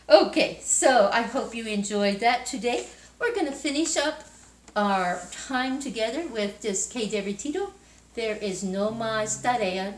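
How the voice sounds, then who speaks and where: Slow, high-voiced teacher in an echoey room. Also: female voice, a little hiss or hum. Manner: mixes Spanish and English, explains to children. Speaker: Spanish teacher. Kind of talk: reading a story to a class and teaching. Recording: roomy echo, mic at a distance, faint music.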